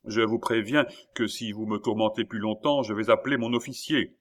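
Un homme lisant un livre audio et faisant la voix d'un garde têtu et irrité qui crie derrière une porte. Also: male voice, on the low side, steady tone, fairly quick, close to an everyday voice. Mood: furieux. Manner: gruff, shouting, irritated. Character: stubborn angry male Swiss guard.

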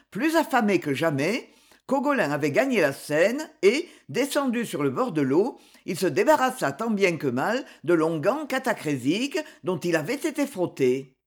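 An expressive audiobook narrator reads an old adventure novel with theatrical flair. The voice rises and falls in a lively, animated way, mid-pitched. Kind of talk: scripted narration of a historical novel.

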